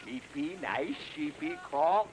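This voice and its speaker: A man's voice: high-pitched, animated, slow, sharp tone, a little hiss or hum, heavily acted, poor audio. An actor playing a bossy male army drill sergeant who barks clipped commands in a dubbed film. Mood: mocking. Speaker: drill instructor.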